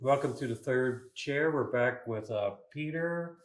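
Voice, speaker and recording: An older man in his sixties hosts a relaxed chat, laughing easily and letting his sentences drift off. His voice sits at a middle pitch, and the room around him is echoey. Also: unhurried, faint music behind. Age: 60s. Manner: easygoing, laughs often, trails off mid-thought. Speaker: podcast host. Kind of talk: casual chat.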